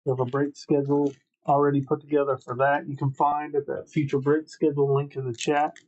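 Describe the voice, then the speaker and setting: A man's voice: on the high side, little pitch movement, a little fast, a little mellow, lo-fi sound. A man hosting a livestreamed trading card break, calling out names matter-of-factly in short clipped phrases.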